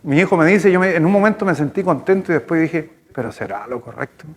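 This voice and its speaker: A male pastor with a Chilean accent, preaching a sermon in a lively, storytelling way, speaking to the congregation. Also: a little high, fast talker. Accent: Chilean Spanish. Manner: storytelling, animated, conversational with congregation. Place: church hall. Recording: long hall reverb in church.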